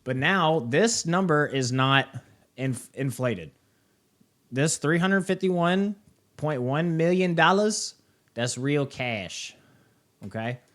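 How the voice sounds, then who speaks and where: Here a young man with a fairly high, expressive voice and a fairly bright tone talks slowly during a live screen-share of a trading platform. His delivery is relaxed and loaded with fillers, with repeated "right?" and "okay?" checks.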